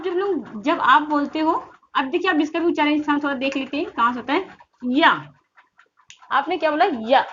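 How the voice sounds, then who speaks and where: Woman teacher, high voice, sounds out syllables in drills, lo-fi sound. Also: fairly bright tone. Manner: repeats questions and answers them herself, drills sounds aloud. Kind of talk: online grammar lesson for exam students. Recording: slightly dull lo-fi sound with faint noise.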